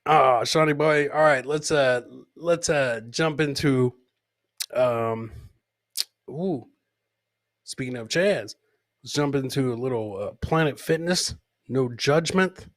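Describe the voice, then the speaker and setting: On his live comedy podcast, the host riffs on clips, repeats phrases for comic effect, and impersonates the people he mentions. He speaks slowly in a mid-range voice and leaves long pauses.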